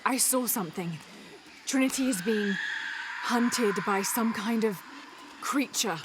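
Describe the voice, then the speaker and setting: Lara Croft, determined. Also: female voice, a little high, takes it slowly, heavy background noise. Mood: urgent. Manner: steady, urgent and determined. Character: bold young female explorer, resolute and driven. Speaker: adventurer. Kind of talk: video game cutscene acting.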